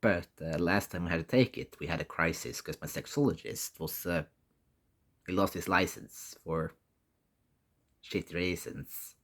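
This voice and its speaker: A man talking casually and candidly in a personal vlog, halting often and swearing mildly. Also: low-pitched, fairly bright tone. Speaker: vlogger.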